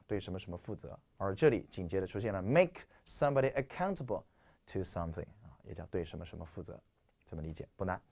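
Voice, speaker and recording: Animated male English teacher, stuffy nose. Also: on the low side. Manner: lively, animated explaining with rhetorical questions. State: stuffy nose, clearing throat. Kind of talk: lecture.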